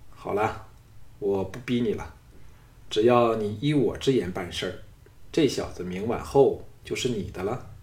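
A man's voice: on the low side, normal speed, a little mellow, natural voice. A man voicing a lecherous, scheming middle-aged nobleman who talks in a leering, commanding way.

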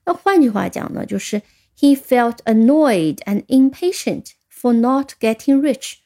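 A woman teaching English vocabulary, explaining in one language and reading example sentences slowly, spelling words out letter by letter. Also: a little high, expressive, dark tone. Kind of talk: vocabulary lesson.

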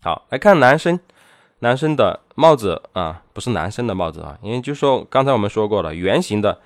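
A man teaching an English vocabulary lesson, speaking slowly and repeating each word twice with frequent filler particles. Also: lowish voice, very animated, dry recording, clean studio sound.

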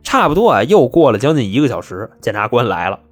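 A man's voice: mid-range voice, big pitch swings, fast talker, faint music behind. A man telling a comic crime story in a chatty, punchy, colloquial way.

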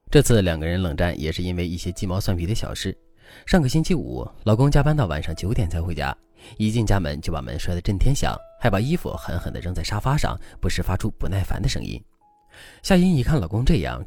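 A man hosting a relationship advice podcast, telling a story in an animated, dramatic way, with faint music behind. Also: low-pitched.

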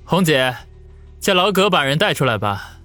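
Narrator voicing a brash cocky tough, pitched a little up and animated. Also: male voice, moderate pace, no room sound, faint music behind. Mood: swaggering. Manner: brash, swaggering. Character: cocky young gang leader, man.

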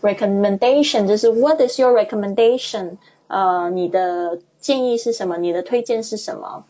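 A woman teaching English online, explaining patiently and repeating English words slowly to model their pronunciation. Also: medium pitch, mellow, a little hiss or hum. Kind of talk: online language lesson.

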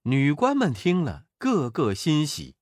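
A man narrating a children's story in a lively, expressive way. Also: on the high side, measured pace, no echo, clean studio sound.

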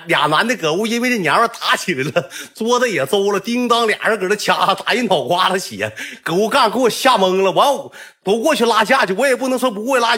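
Fast, animated Northeastern Mandarin man. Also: sits high. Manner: animated, rambling, swears freely. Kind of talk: casual storytelling.

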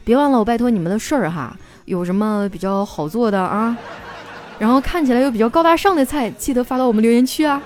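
A woman's voice: a little high, fast talker, a little mellow, slight background noise. A young woman hosts a casual show, reading listener jokes aloud and laughing through her lines. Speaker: radio-style host reading listener jokes.

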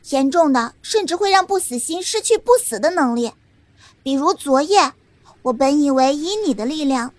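A woman's voice: sits high, no room sound. A woman playing an earnest, naive young woman explaining things in an audio drama.

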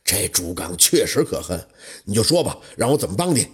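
A plain-spoken, righteous young laborer with a blunt, earnest delivery and a deeper, husky tone, as a male storyteller plays him. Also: very animated, a little fast, exaggerated voice.

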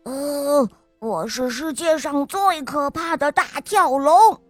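A woman voicing a little boy frog who pretends to be a scary monster, with gruff mock-threatening growls. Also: high voice, slow pace, dry recording. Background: faint music.

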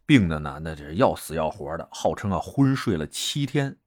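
Lively joking male storyteller. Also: rumbling low, moderate pace. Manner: lively, joking, lots of filler particles. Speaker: podcast host, storyteller. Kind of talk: casual comic history storytelling.

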